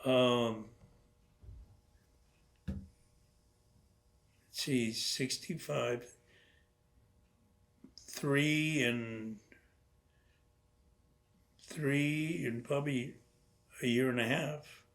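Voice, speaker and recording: An older man recounts his memories in an oral history interview, speaking in a conversational storytelling way. He stumbles and restarts often and slips into the voices of people he quotes. His pitch sits in an ordinary middle range. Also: fairly bright tone. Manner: storytelling, acts out quoted dialogue, halting restarts. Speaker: interviewee, veteran.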